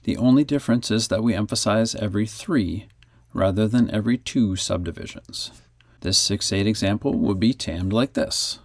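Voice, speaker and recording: A man's voice: fairly low pitch, moderate pace, no echo. A man teaching music in a methodical instructional voice, chanting rhythm counting syllables as he explains. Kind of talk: instructional narration.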